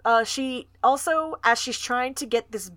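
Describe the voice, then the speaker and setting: Woman co-host for a casual book podcast, higher pitch, dry recording, chatty recapper. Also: a little slow, fairly bright tone, no echo.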